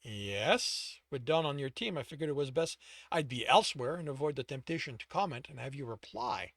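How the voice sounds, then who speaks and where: A man's voice: medium pitch, expressive, normal speed, vocal fry, a bit bright, no room sound. A man reading aloud, voicing a sentient dungeon as a wry male presence.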